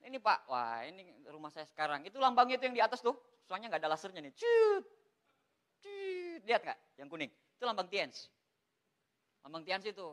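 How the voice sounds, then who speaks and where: Man, motivational speaker, bright tone, animated, joking. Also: high-pitched, fast. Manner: animated, joking, addresses listeners as "Pak". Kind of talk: motivational talk to an audience.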